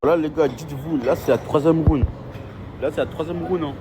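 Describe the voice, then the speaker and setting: A man's voice: on the high side, brisk. A man chatting casually to his followers in street slang, often repeating his phrases. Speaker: vlogger. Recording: noisy outdoor phone video, traffic.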